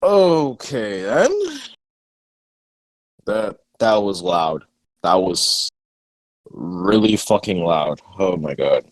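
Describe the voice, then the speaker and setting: A man's voice: deep voice, animated, extremely slow, pauses often. A young man streaming in casual solo chat, tired and rambling with lots of fillers and swearing. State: tired, just woke up.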